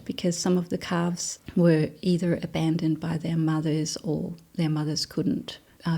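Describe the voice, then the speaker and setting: Soft-spoken Danish woman in her thirties, flat gravelly delivery, relaxed interviewee. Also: low voice. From Denmark. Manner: soft-spoken, relaxed, with frequent fillers and laughs. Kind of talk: casual storytelling interview.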